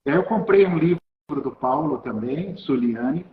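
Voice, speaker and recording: A man hosting a live interview, talking warmly and effusively with lots of halting restarts. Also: a little high, expressive, narrow, tinny audio. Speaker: host. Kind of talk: live video-call interview. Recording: roomy, echoey sound.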